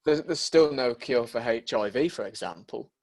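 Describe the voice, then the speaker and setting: A man's voice: medium pitch, lively intonation, moderate pace. A British man in his early twenties co-hosting a casual chat over a video call, stumbling over his starts before making his point. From Britain. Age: early 20s. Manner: hesitant starts, repeats words, then makes his point. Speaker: podcast co-host.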